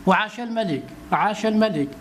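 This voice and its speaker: A man's voice: sits high, quick pace, noisy background. A man with a Moroccan Arabic accent, a citizen pleading for help in a street interview and repeating his grievances insistently.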